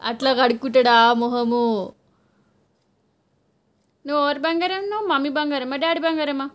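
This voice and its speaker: A woman's voice: high-pitched, fairly even intonation, normal speed. A mother with a Telangana Telugu accent filming her toddler at home on a phone, coaxing and teasing the child in playful sing-song baby talk. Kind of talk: home video chatter with a small child.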